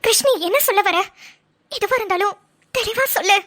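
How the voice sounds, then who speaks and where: A woman voicing a lively young woman who teases her childhood friend in quick banter. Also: extremely high pitch. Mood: teasing.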